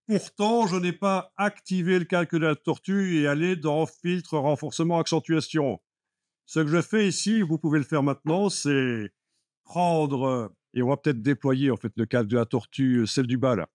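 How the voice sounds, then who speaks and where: A man's voice: fairly high pitch, normal speed, a little mellow, dry recording, clean studio sound. A man teaching a live Photoshop class, explaining steps patiently with many fillers like "euh" and "voilà". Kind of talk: live classroom software lesson.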